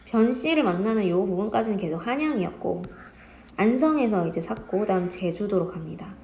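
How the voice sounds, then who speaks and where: A woman teacher explaining a classic story in a casual lecture, talking straight to her students and quoting the characters in lively voices. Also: medium pitch, brisk. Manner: chatty, quotes characters in lively voices, addresses students directly. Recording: echoey room with faint ambient noise.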